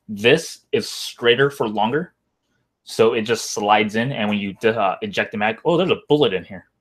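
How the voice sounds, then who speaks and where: A man's voice: mid-range voice, a bit bright, slight background noise. A young man chatting casually on a livestream in a rambling, hesitant way, often trailing off. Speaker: live streamer, former Marine.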